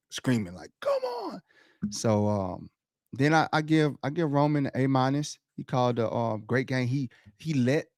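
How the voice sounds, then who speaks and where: A man co-hosting a podcast, talking sports in a casual, animated way, laughing and mimicking the crowd. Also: medium pitch, no echo, studio quality. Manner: animated, laughs often, loud shouted impressions of the crowd. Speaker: podcast co-host.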